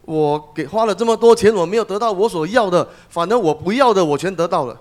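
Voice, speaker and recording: A man's voice: high-pitched, expressive, quick pace. A man interpreting a sermon phrase by phrase, with some hesitations as he goes.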